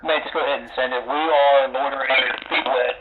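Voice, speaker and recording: A man making brisk, procedural military radio calls over a walkie-talkie in a game. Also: medium pitch, fairly even intonation. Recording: tinny radio line with hiss.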